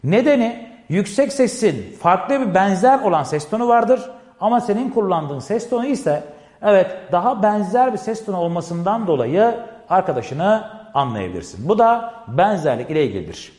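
Lecturing in front of a board, this man has a high, somewhat mellow voice with big pitch swings and speaks at normal speed. He walks through the material step by step, repeats important phrases, and constantly turns to his audience, all in a strongly reverberant room.

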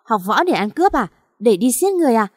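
A woman's voice: a little high, big pitch swings, fast talker, a little mellow, dry recording, studio quality. A woman doing a harsh scolding father. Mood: furious. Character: stern angry father scolding his son.

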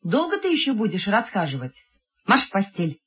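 A woman voicing a caring mother, speaking lower, soft and calm. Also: normal speed, a little hiss or hum. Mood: stern. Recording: dull lo-fi with music behind.

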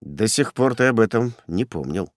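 A man voicing a grim male executioner who talks down to his prisoner in a cold, sneering, gruff way. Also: mid-range voice, big pitch swings, normal speed, no room sound, studio quality, close to an everyday voice. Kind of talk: audiobook character voice.

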